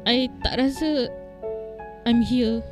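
A woman's voice: on the high side, slow pace. Malay-accented woman mixing slangy English and Malay, music behind. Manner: colloquial Malay-English code-switching with slang. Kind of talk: personal storytelling, casual conversation.

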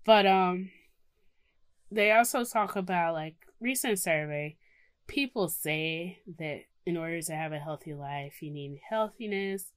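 Low-voiced woman podcaster, dry close sound. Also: unhurried, no room sound. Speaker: podcast co-host. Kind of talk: casual chat mixed with reading self-care advice aloud.

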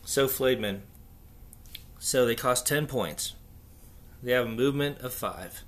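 A man hosting a casual, unscripted solo hobby chat, thinking aloud haltingly in an echoey, stripped-out bunker room. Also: mid-range voice. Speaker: podcast host. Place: echoey indoor room under renovation, torn-out walls.

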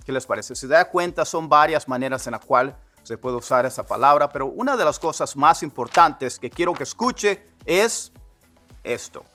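A man, a native Spanish speaker, teaching English phrases, repeating words slowly so learners can copy them. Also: a little high, lively intonation, sharp tone, faint music behind. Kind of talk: Spanish-language English lesson.

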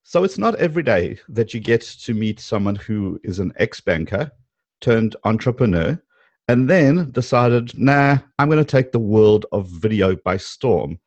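A man with a South African accent hosting an interview show, energetic and enthusiastic, laughing often. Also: medium pitch, no room sound, highs cut off. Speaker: podcast host.

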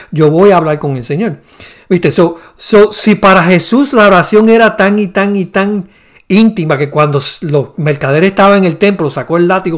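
A man hosting a casual faith podcast, rambling and searching for words, with a teasing streak. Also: high voice. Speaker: podcast host. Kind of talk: casual religious chat.

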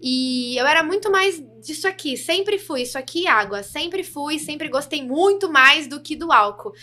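A young woman from the interior of São Paulo state, a reality show participant, chats casually as a podcast guest, telling candid stories and laughing easily. Her voice is high and her pace moderate.

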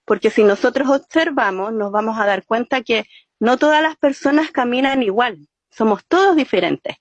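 A woman's voice: fairly high pitch, normal speed, breathy edge, no room sound. Patient woman teaching storytelling. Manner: patient, explains step by step with "¿cierto?" checks. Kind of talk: explanatory interview talk. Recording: muffled, dry sound.

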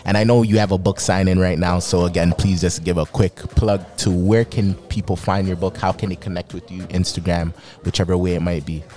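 A man's voice: sits low, fairly even intonation, fairly quick, few pauses, dark tone. A man hosting a podcast in a casual, upbeat and encouraging way. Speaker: podcast host. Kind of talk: casual podcast interview chat.

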